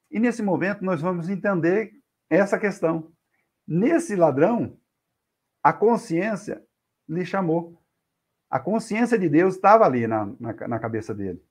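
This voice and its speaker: A man with a Brazilian Portuguese accent delivers a spiritist lecture in a husky, slightly high voice. He speaks earnestly and tells stories with many asides to his listeners. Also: a little mellow. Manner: earnest storytelling, frequent "né?" checks. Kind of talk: devotional talk.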